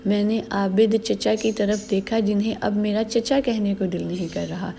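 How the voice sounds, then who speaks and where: A woman narrating a first-person story in a measured, earnest way. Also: medium pitch, fairly even intonation, gravelly, mellow.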